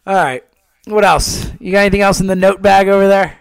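A man's voice: high-pitched, fairly even intonation, brisk, gravelly, smooth, dry recording. A sick, tired man bantering casually as a sports talk podcast co-host, in an exasperated, complaining way.

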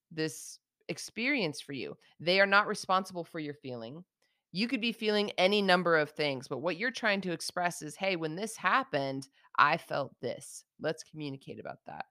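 A woman with a low, smooth, resonant voice hosts a casual advice podcast on communication. She talks directly and uses slang, slowing down to spell out example phrases. The recording is close and dry. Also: fairly bright tone, no room sound. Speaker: podcast host teaching communication skills.

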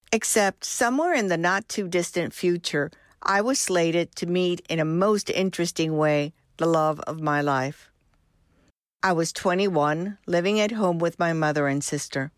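A woman in her sixties from Cuba, hosting a podcast and reading her own memoir in a gentle, measured way. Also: on the low side, no echo, clean studio sound. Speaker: host and storyteller.

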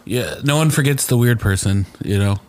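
A man's voice: medium pitch, normal speed. A man hosting a podcast, asking curious, easygoing questions in casual interview chat. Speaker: podcast host.

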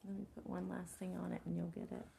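Gravelly-voiced mother, gentle and encouraging. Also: lowish voice, little pitch movement, quick pace, a little hiss or hum. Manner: earnest, speaks of faith and prayer. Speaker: mother talking with her son. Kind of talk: casual heart-to-heart chat.

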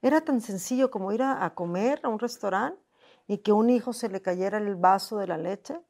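A woman's voice: medium pitch, moderate pace, darkish tone. A middle-aged Mexican woman, a guest in an interview, telling a personal story with emotion, often repeating herself and acting out what others said to her. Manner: repetitive, acts out quoted voices.

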